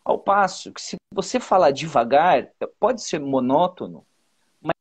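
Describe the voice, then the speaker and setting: A male teacher with a Brazilian Portuguese accent, giving exam advice in a casual, halting way with many repeated words and fillers, over a video call. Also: a little high, expressive, breathy edge. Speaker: teacher, guest.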